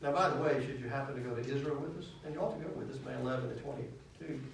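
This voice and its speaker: A man leading a church Bible study, animated and asking his listeners questions as he teaches. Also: medium pitch, very fast, vocal fry, a little hiss or hum. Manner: animated, asks questions of the class. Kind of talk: teaching sermon. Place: church hall. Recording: echoey hall, mic at a distance.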